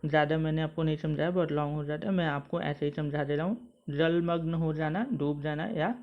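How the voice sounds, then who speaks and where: A man's voice: fairly high pitch, fairly even intonation, fairly quick. A male school English teacher explaining a textbook lesson word by word, methodical and repetitive. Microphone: mobile phone. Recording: dull lo-fi phone recording.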